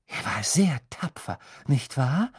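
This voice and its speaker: A man voicing a clever teenage girl in an audiobook, speaking in a high, shrill voice. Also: very animated, slow, husky, no echo, clean studio sound, heavily acted. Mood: concerned.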